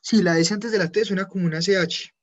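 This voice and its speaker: A man teaching a live online German class, who explains slowly, spells out endings and corrects himself often. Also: sits high, steady tone, lo-fi sound.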